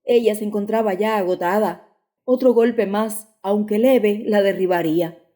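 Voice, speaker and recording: Mellow-voiced woman reading a story. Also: mid-range voice. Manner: measured, even storytelling. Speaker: audiobook narrator. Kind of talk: scripted literary narration.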